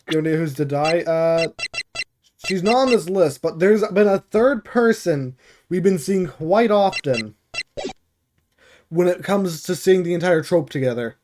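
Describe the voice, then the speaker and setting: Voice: mid-range voice, lively intonation, a little slow, background noise. A streamer playing a courtroom video game, reading its dialogue aloud and chatting casually between lines. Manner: gives characters put-on voices and laughs at own attempts. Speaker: gaming streamer.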